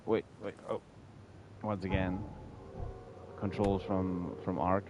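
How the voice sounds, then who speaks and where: Low-voiced man livestreaming a game casually. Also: little pitch movement, takes it slowly, dull audio, background noise. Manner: chummy, repeats phrases. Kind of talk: casual live game commentary with chat.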